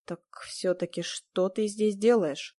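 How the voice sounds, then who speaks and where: A woman reading the lines of a tall, wary bearded countryman who asks slow, probing questions. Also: mid-range voice, warm tone, close to an everyday voice.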